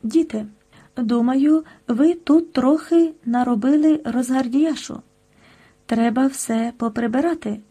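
A woman's voice: high voice, a little slow, dark tone, husky. A woman reading the lines of a fussy middle-aged male school headmaster in a children's audiobook, addressing the class formally and a little sternly.

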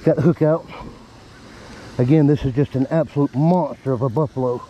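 A man vlogging from a lakeside while landing a big fish, talking excitedly to the camera. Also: mid-range voice, brisk, muffled recording, a little hiss or hum. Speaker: fishing vlogger. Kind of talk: casual on-camera narration. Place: lakeside outdoors.

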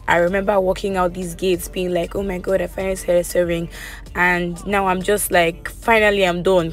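A Nigerian woman in her twenties makes a casual vlog of voice-overs and selfie clips, filmed on a phone camera held at arm's length. Her lowish voice is worn hoarse, and she's chatty and wry. She's at outdoor camp grounds and inside a car, with a loud crowd and music in the background.

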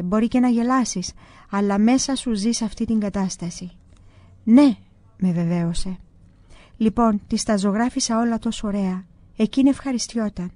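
A woman reads a religious book aloud in a calm, even first-person narration. Her voice is mellow and warm, sitting at a middle pitch. The recording is dry and close, with no room sound. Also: dry recording. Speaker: audiobook reader.

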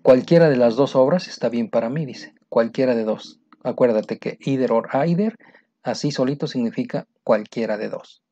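A Mexican man teaching English patiently walks through exercise answers one by one, repeating each. His voice is warm and medium-pitched at a moderate pace. The recording is dry and has a dull, lo-fi sound.

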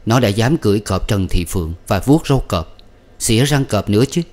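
A man reading a novel aloud as an audiobook narrator, with steady, measured storytelling. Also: on the low side. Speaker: audiobook reader.

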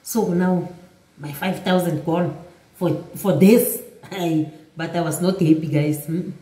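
A woman's voice: lowish voice, fairly even intonation, slow pace, dark tone. Chatty woman, echoey room. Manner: chatty, repeats "guys" often. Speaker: vlogger. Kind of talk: storytime vlog. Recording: echoey room, mic at a distance.

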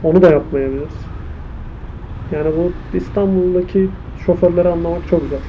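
A man's voice: high voice, fairly quick. A man chatting casually and thinking aloud as he rides a motorcycle, his voice muffled inside a helmet. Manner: thinking aloud, commenting on the traffic. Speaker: motorcycle vlogger. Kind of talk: casual chat while riding. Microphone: microphone inside the helmet. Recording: muffled helmet mic, loud wind and engine noise. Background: wind, engine and traffic noise.

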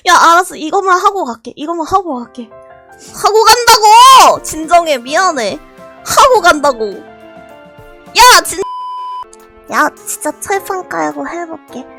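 A woman streaming a game live, scolding and laughing at her viewers in a loud, shouty way. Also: very high-pitched, sing-song, unhurried, music in the background.

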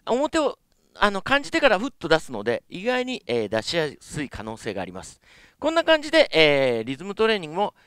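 A man's voice: fairly high pitch, huge pitch swings, fairly quick, a bit bright, clean tone, no echo. A man teaching as a vocal coach, explaining politely with many filler sounds. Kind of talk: instructional lesson.

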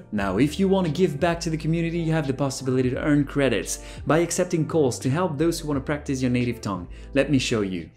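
With faint music behind him, a French YouTube host in his thirties talks at a fairly high pitch and moderate pace as he reviews a language app. He chats on a phone call and to camera in his living room, friendly and animated, laughing often and changing languages.

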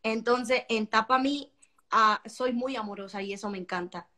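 A woman singer talking about her album in a casual interview, animated and expressive, often repeating words as she searches for them. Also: a little high, normal speed. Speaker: singer-songwriter guest.

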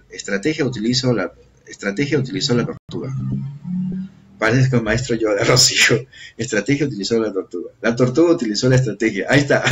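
A Peruvian man presenting an online motivational seminar in a mid-pitched voice. He repeats key phrases, greets participants and speaks straight to his listeners. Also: noisy background. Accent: Peruvian Spanish. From Peru. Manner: repetitive, addresses listeners directly.

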